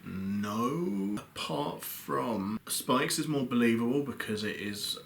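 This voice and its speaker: A British man co-hosting a reaction chat, giving measured, opinionated remarks. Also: lowish voice. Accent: British English. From Britain. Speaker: co-host. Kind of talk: casual chat. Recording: echoey room, faint background noise.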